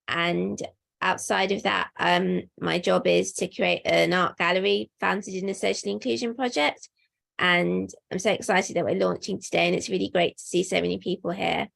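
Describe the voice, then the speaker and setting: A woman community builder introduces herself on a video call, sounding excited. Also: fairly low pitch, moderate pace, vocal fry.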